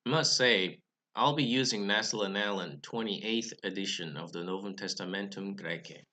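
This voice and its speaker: Reading Greek scripture is the subject for this young host of a Bible study channel, who speaks to camera from a careful script. His first language isn't English, which is his second. His voice is fairly low and sharp, and his measured delivery has occasional restarts.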